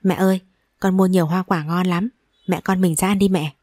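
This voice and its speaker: A playful young boyfriend from a spoken audio story, teasing and coaxing in a low, mellow voice, as a woman narrator reads his lines. He sounds dry and close, with little room sound. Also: steady tone, a little fast, no echo, close to an everyday voice.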